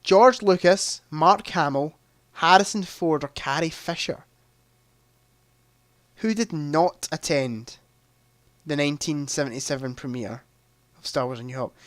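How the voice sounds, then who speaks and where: A man's voice: on the high side, unhurried, long pauses, no echo. A man hosting a live movie quiz stream, chatting casually, thinking aloud and making self-deprecating asides.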